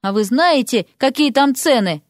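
A meek middle-aged father apologizes in a sad, hushed voice, as a woman narrator puts him on. He sounds guilty and gentle, in a dry, close storybook reading. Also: very high-pitched, animated, normal speed, dry recording. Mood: apologetic. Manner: sad, whispering.

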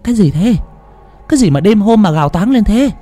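Dude putting on a high jittery village auntie, stammering scared. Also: male voice, animated, fairly quick, warm tone, soft background music. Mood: alarmed. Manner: stammering, panicked. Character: frightened older village woman, shrill and jittery.

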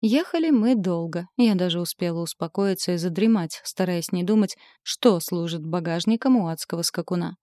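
Low-voiced woman reading a novel. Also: normal speed, few pauses, warm tone, no room sound, clean studio sound. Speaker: audiobook narrator. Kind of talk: first-person audiobook narration.

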